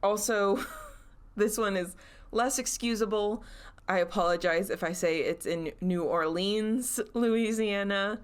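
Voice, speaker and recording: A woman's voice: medium pitch, a little slow, clean tone. A young woman co-hosting a podcast, telling a story in a chatty, casual way with giggly asides.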